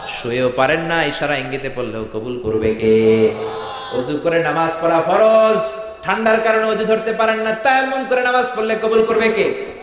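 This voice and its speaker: A man preaching a sermon with a Bangladeshi Bengali accent, rousing the crowd and swinging between loud calls and soft asides. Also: on the high side, normal speed, slight background noise. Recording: echoey hall, dull sound.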